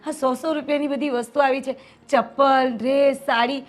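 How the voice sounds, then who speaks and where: An actress playing a hardworking, resentful daughter-in-law who complains constantly, with a Gujarati accent. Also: female voice, sits high, steady tone, moderate pace, lightly acted. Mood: impatient. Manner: complaining, aggrieved.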